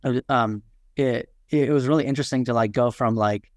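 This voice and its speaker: A man's voice: mid-range voice, normal speed, a little mellow, dry recording. A man in his thirties from Nepal, a podcast guest speaking casually with many fillers and restarts. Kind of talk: casual interview chat.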